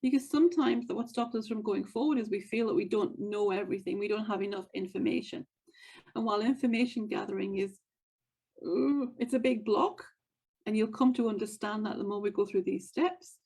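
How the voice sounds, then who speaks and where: A woman's voice: mid-range voice, brisk, dark tone, slightly rough, poor audio. A woman hosting a motivational wealth podcast, speaking in an earnest, encouraging way and repeating her key phrases. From United States. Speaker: podcast host and wealth coach. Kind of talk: motivational monologue.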